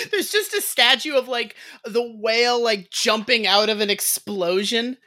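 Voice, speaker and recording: A woman's voice: on the high side, a little slow, sharp tone. A woman co-hosting a casual comedy podcast, rambling with lots of "like" and frequent laughter. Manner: rambling, filler-heavy, laughs often. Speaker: podcast co-host.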